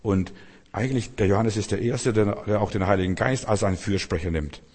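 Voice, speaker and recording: Male preacher, sermon, husky low voice, earnest, long reverb of a church hall. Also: fairly quick, a little mellow. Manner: earnest, repetitive, addresses listener as du.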